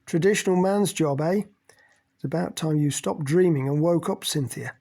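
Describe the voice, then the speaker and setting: A man's voice: fairly high pitch, normal speed, warm tone. A man voicing Jessie, a blunt woman who jeers and mocks, in an audiobook. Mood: jeering. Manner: mocking, jeering. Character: jeering, blunt working woman.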